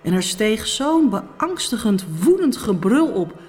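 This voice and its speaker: A woman's voice: fairly high pitch, very animated, unhurried, faint music behind. A woman playing a troubled Roman noblewoman who tells of her dreams in a solemn, urgent first-person monologue. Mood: haunted. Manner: solemn, urgent, hushed storytelling. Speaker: Pilate's wife.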